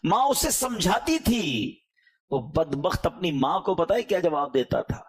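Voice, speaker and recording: Man, preacher, Pakistani Urdu accent, emotional pleading sermon, animated pitch, loud and hushed turns. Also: slightly rough.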